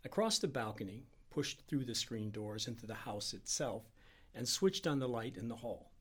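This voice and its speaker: A man reading a short story aloud as a scripted narration, in a dramatic, expressive way. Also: mid-range voice, normal speed, breathy edge. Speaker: reader.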